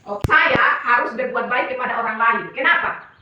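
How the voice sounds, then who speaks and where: A woman's voice: a little high, moderate pace, lo-fi sound, background noise. Teacher woman talking to young pupils. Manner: coaxing questions to young pupils. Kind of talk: classroom teaching. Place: classroom. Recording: echoey room from far off.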